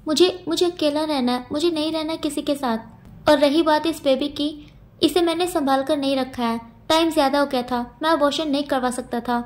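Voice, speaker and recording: A cold, defiant young man in a storybook reading, curt and dismissive, brushing off every plea, as a woman puts him on. His voice comes out high for a man. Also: steady tone, normal speed, lightly acted.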